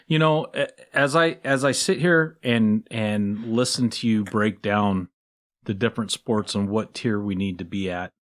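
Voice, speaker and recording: A man co-hosting a sports talk show, speaking casually with a sarcastic, questioning tone and drawn-out phrasing. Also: lowish voice. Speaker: sports podcast co-host.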